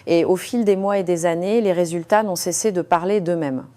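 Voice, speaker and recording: A woman relates a surgeon's first-person story in a lowish, warm voice, measured and confiding. Hesitant fillers come up often as she speaks.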